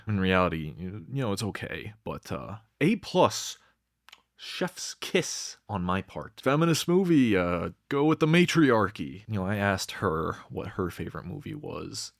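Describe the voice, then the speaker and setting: A young man telling a rambling comedic story to camera, deadpan, with lots of fillers and swearing. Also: low voice, vocal fry, no room sound, studio quality. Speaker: vlogger.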